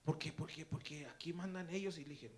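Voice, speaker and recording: A man preaching a sermon as pastor, telling stories and moving from hushed asides to loud, excited preaching in a church. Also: on the high side, brisk. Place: church sanctuary.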